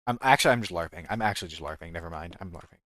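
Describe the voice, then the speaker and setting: Racing along, this man speaks in a low, slightly bright voice with no room sound. He's a game streamer from the United States with an American accent, chatting loosely on a livestream, cracking jokes, wandering off topic, and frequently fixing what he just said.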